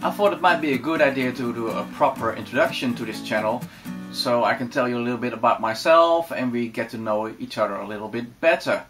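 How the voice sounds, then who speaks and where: A Dutch man in his forties with a Dutch accent, chatting relaxed and casually to camera with many fillers in a room lined with bookshelves. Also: mid-range voice, a little fast, soft background music. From Netherlands. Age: 40s. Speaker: vlogger. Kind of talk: casual vlog talk to camera.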